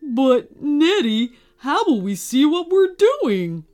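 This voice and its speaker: A woman's voice: high-pitched, sing-song, slow, a little mellow, pitched above the performer's own voice, exaggerated voice. Woman doing a whiny, stammering dim burglar man. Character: dim-witted timid male burglar, Nettie's brother. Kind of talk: storybook reading.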